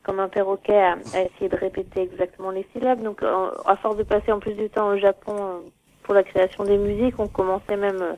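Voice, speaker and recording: A woman musician answering interview questions in a relaxed, friendly way. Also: medium pitch, brisk, dull audio, a little hiss or hum. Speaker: musician guest.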